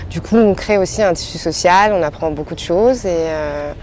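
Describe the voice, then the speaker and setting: A woman volunteer speaking quickly and upbeat in an interview. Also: lowish voice, a little mellow, slight background noise.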